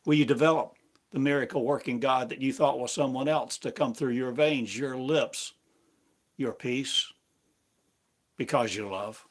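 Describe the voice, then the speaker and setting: With a mid-range voice, a man delivers a prophetic sermon as the voice of God. He speaks slowly and solemnly, leaving long pauses between phrases.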